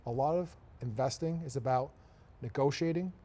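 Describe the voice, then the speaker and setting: A man's voice: medium pitch, normal speed, mellow. A man, a real estate investor, talking emphatically in a casual podcast conversation, repeating his points for effect.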